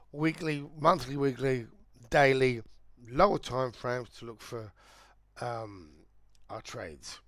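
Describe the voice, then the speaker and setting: A man with a croaky voice, talking casually and rambling while he walks through charts on a live trading stream. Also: medium pitch, a bit bright, no room sound. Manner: chatty, rambling, thinking aloud. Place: indoors, air-conditioned room.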